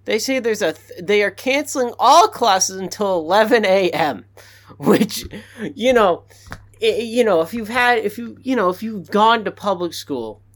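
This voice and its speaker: A man's voice: sits high, expressive, unhurried, fairly bright tone. A young man co-hosting a podcast, telling a rambling story in casual chat, full of fillers, a bit out of breath. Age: young adult. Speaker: podcast co-host.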